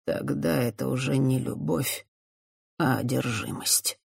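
An audiobook reader voicing a remorseful, torn male priest who speaks low, muted and sorrowful. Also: measured pace, vocal fry, a little mellow, breathy edge, dry recording, clean studio sound. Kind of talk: audiobook character voice.

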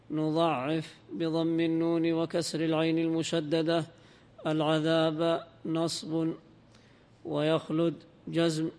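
A man reading a classical commentary aloud in a lesson, in a measured, even recitation. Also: a little high, in a large hall. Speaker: reader of the text in a lesson.

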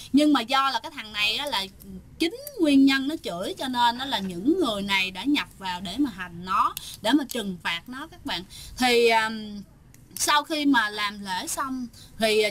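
A woman's voice: a little high, fairly bright tone. A woman telling a ghost story in a casual, chatty way, often turning to speak straight to her listeners.

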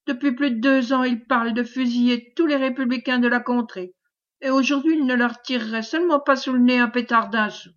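A woman's voice: fairly high pitch, fairly even intonation, brisk, natural voice. Woman reading a blustering, scornful old commander, muffled lo-fi sound. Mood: gruff. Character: older male commander, gruff and impatient.

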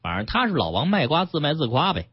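Male radio host, animated and teasing, slightly husky. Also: on the high side, fast, dry recording, dull audio. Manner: chatty, teasing banter. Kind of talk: casual radio chat. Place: radio studio. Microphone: studio mic.

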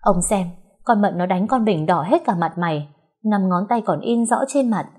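A woman voicing a domineering middle-aged stepmother who scolds loudly in an audio story. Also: medium pitch, lively intonation, moderate pace, natural voice. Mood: scolding. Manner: loud, scolding.

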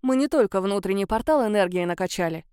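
A woman's voice: medium pitch, animated, fast, darkish tone, smooth, no room sound, studio quality, natural voice. A woman voicing a blunt young male hunter. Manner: curt.

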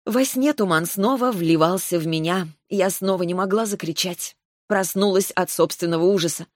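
A woman narrating a first-person fantasy audiobook in a wry, even storytelling manner. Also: lowish voice, normal speed, dry recording, clean studio sound.

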